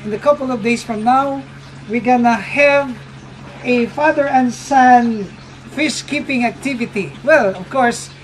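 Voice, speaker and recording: A man's voice: extremely high pitch, slight background noise. A middle-aged man from the Philippines, explaining fish breeding to viewers in a casual vlog at an outdoor fish farm. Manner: explanatory, addresses viewers as guys. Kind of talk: casual walk-through vlog narration.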